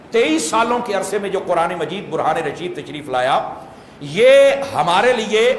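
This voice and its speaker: A man's voice: sits high, slight background noise. A man preaching to a seated congregation, explaining patiently and asking them rhetorical questions. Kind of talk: sermon. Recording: echoey hall with faint ambience.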